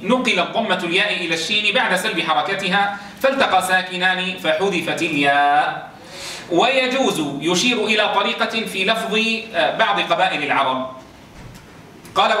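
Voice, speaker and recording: A man teaching a class on Quran recitation rules. He explains step by step, slowly drawing out sounds to demonstrate and often checking with his students. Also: high voice, pushed and bright. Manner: keeps checking understanding with quick questions to students. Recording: echoey room, voice from a distance, faint noise.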